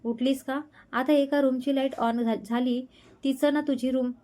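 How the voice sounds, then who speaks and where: A man's voice: extremely high pitch, fairly even intonation, unhurried, dark tone. A woman voicing a playful, daring young man who teases and coaxes his fiancée in a spoken love story. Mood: coaxing. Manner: teasing, coaxing.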